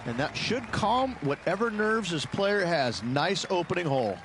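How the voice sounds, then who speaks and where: A man's voice: high-pitched, sing-song, moderate pace, fairly bright tone, heavily acted. A man giving enthusiastic colour commentary as an analyst in a golf video game. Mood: approving. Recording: faint crowd and outdoor noise.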